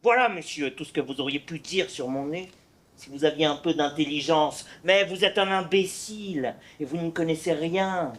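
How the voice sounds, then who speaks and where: A man's voice: fairly high pitch, moderate pace, a bit bright, close to an everyday voice. A man playing a boastful, witty swordsman poet with a huge nose in an amateur stage play, reciting theatrically with hesitant fillers. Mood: mocking.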